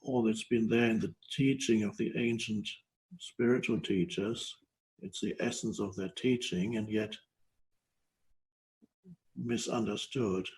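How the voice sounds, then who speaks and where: An older man leads a guided meditation in a slow, unhurried delivery. His low voice has a gravelly edge. He pauses often and speaks in short, hesitant phrases. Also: fairly even intonation, a little mellow, rough recording. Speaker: spiritual teacher.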